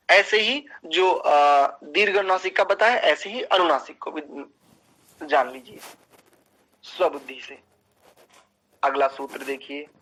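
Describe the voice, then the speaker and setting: A man teaching Sanskrit pronunciation in an online class, slowly drawing out syllables and chanting verses. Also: fairly high pitch, bright, forceful tone, breathy edge, low-quality recording. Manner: slow, deliberate, drawn-out chanting of syllables. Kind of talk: online class lecture with mantra recitation.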